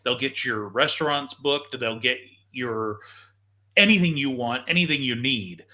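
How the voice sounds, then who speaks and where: Bright, forceful male host. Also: mid-range voice, unhurried. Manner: enthusiastic, tour-guide style explaining. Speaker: show host. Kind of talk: casual live-show chat narrating video footage.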